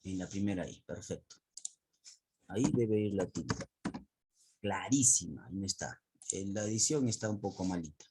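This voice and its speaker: A man's voice: low voice, normal speed, long pauses, background noise. A man teacher explaining to a class over a video call, often repeating words, restarting phrases and asking questions.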